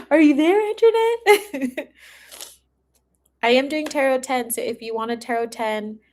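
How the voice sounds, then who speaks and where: A woman with a fairly high, slightly mellow voice hosts a live tarot reading, chatting casually with her viewers. She's informal and talkative, often breaking into giggles.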